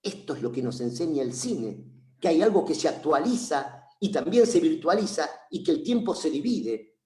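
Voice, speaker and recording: Male lecturer, Rioplatense accent, fairly high voice, acts out scenes then reflects slowly; roomy echo. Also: very animated, warm tone. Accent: Rioplatense Spanish. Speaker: child psychologist giving a lecture. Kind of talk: recounting a therapy session in a lecture.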